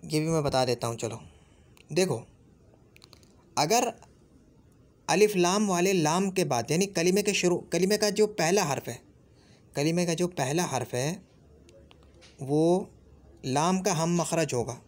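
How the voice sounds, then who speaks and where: A man's voice: a little high, lively intonation, darkish tone. Man drilling Arabic letter sounds. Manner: repeats sounds slowly and drills each letter. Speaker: Arabic grammar teacher. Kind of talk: classroom-style grammar lesson.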